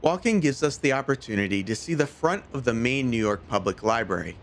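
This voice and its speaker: A man's voice: medium pitch, expressive, a little fast. A man narrating an informative guided tour as a travel host. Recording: faint background noise and ambience.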